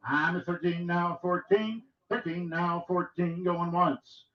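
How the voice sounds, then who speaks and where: High-pitched man chanting as an auctioneer. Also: steady tone, distant mic. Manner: auctioneer's chant, rapid repeated numbers. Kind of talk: live auction calling. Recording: echoey, dull lo-fi room sound.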